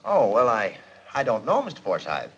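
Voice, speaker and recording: An actor playing an excitable middle-aged businessman boss in a 1940s film, blustering and theatrical. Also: fairly low pitch, normal speed, slightly rough, muffled recording, exaggerated voice. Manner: blustering, theatrical, swings from loud to hushed. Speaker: company boss. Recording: old film soundtrack with faint hiss.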